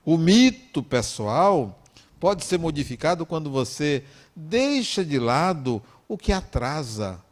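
A Brazilian man speaks in a somewhat high voice that swings widely in pitch as he gives a motivational talk. He leans on repetition for emphasis and slips in joking asides between his personal stories. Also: big pitch swings, slow. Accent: Brazilian Portuguese.

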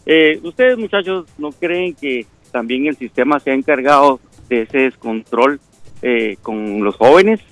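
A man calling into a radio show, polite and measured as he makes his point. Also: mid-range voice, animated, a bit bright, dry recording, faint music behind. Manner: polite, measured, addresses hosts "muchachos". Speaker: radio caller. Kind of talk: casual call-in opinion.

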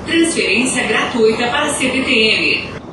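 A woman making recorded train station announcements in a measured, formal announcing voice over a loudspeaker. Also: fairly high pitch, lively intonation. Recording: echoey, distant loudspeaker with train noise. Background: train and station ambience.

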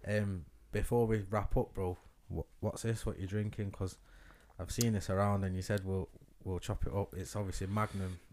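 Young man, British accent, deep voice, slangy, agreeable, casual interviewer. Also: little pitch movement, moderate pace, a little mellow. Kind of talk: casual chat.

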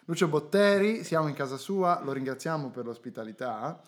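A man's voice: on the high side, brisk. A man hosting a casual comedy podcast, teasing and joking with his friends. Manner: jokey, teasing banter. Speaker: podcast host.

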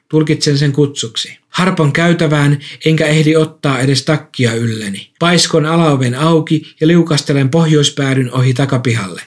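Male narrator, slightly high voice, calm measured story reading. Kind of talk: first-person story reading.

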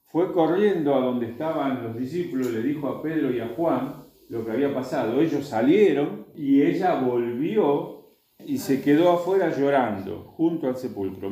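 This Bible study teacher, a man with an Argentine Spanish accent, reads scripture aloud to a group and pauses to explain it in simple terms. His voice sits fairly high but sounds dark, and the room is echoey.

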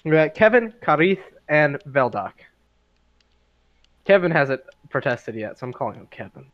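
A man's voice: on the high side, very animated, normal speed. A man playing in a tabletop game online, joking and recapping names. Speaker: player. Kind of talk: casual game chat. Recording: dull lo-fi voice chat.

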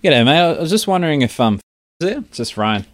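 A man's voice: fairly high pitch, sing-song, quick pace, slight background noise. A man making casual sales calls in a blokey, self-deprecating, joking way. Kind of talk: casual phone sales chat.

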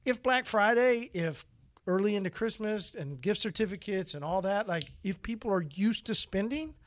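A man's voice: sits high, animated, moderate pace. A man co-hosting a casual podcast chat, talking in loose rambling phrases that restart and repeat as he tastes beer. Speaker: podcast co-host.

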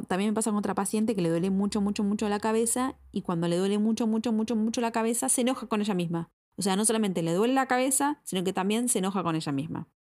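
A woman's voice: medium pitch, darkish tone. A woman with an Argentine accent, a psychologist talking straight to the listener with advice and repeating words for emphasis. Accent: Argentine Spanish. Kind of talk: advice talk to camera.

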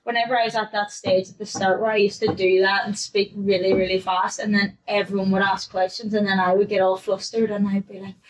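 A woman's voice: mid-range voice, level tone, a little fast, few pauses, low-quality recording. Young woman coach on a podcast, chatty, giggles a lot, plays out little scenes of herself. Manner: chatty, laughs often, acts out her past self. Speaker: newly qualified fitness coach, podcast guest. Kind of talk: casual podcast chat.

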